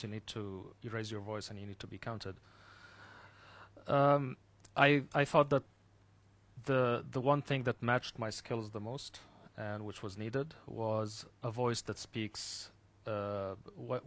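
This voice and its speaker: A man from the Gulf region, a guest speaker recounting his experience thoughtfully, with many fillers and restarts that trail off quietly. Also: on the low side. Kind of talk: personal account in an interview.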